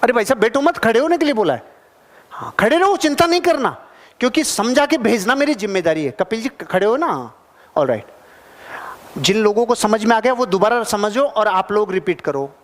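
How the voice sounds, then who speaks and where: A man giving a live motivational seminar talk to an audience in a large hall. He is animated, swings between loud bursts and low asides, and keeps asking the crowd questions. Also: a little fast. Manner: addresses the audience directly with questions. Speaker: motivational speaker. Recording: long reverb of a big hall.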